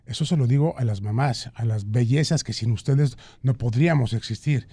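A man's voice: mid-range voice, moderate pace, mellow, slightly rough, dry recording. A man, a guest actor in a radio studio, joking and then answering earnestly. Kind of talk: playful studio chat.

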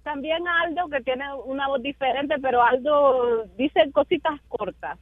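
A woman's voice: high-pitched, measured pace, no room sound. A woman in her twenties calling in to a radio show, chatty and teasing. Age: 20s. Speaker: caller. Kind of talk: phone call to a radio show. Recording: dull, dry phone line.

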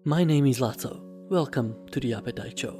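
A man hosting a podcast who narrates from a script in short, measured sentences. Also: medium pitch, dark tone, soft background music. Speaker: podcast host.

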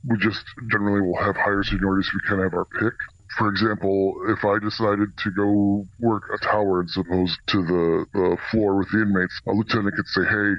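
Man, disguised deepened voice, plain-spoken interviewee, dull muffled audio, dry sound. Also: dry recording. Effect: voice disguised to protect anonymity, deepened. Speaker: corrections officer, senior officer specialist. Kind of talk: radio interview answers.

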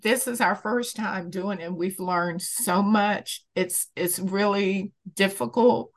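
A woman from Georgia answering interview questions conversationally, in a measured, deliberate way. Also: medium pitch. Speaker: interviewee, community campaigner.

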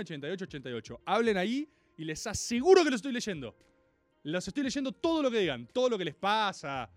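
Man, Rioplatense Argentine accent, live-stream chatter, lively swooping pitch, teasing, profane. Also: dry recording. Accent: Rioplatense Argentine Spanish. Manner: animated, teasing and profane, with slow musing asides. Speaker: live streamer talking to his chat. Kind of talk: casual live-stream monologue.

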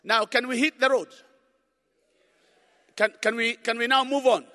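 Male preacher, high bright voice, emphatic repetition, conference sermon in a reverberant hall. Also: steady tone, a little slow. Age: middle-aged or older. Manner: emphatic, repeats phrases for effect. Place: large conference hall, speaking to a congregation. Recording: echoing hall with long reverb.

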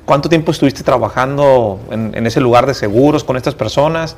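A male podcast host interviews his guest. He asks earnest, probing questions. His voice is of middle pitch. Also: a little fast.

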